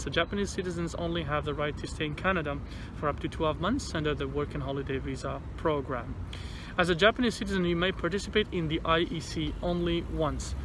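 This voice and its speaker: Male vlogger, fairly high voice through a face mask, halting informal explainer, recorded outdoors over clear traffic noise. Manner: halting, repeats words. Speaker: vlogger giving visa advice. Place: outdoors in a city. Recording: noisy outdoor city traffic background.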